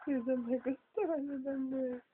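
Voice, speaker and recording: Woman, mother, brazilian accent, very high voice, cooing repetitive baby talk, tinny phone recording. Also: fairly even intonation, slow pace, heavy background noise. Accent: Brazilian Portuguese. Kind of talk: baby talk during peekaboo play. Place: home at night. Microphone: phone held close.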